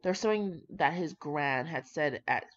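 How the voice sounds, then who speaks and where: A woman whose voice sits low reads fan fiction at a normal speed, expressive and casual, interrupting herself with brash, profane, rambling remarks. The audio has the slightly dull character of a lo-fi home recording.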